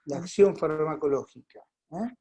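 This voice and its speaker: An Argentine man lecturing a class on pharmacology over a video call, conversational, filling pauses and checking in with the class. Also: on the high side, mellow, breathy edge, rough recording. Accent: Argentine Spanish.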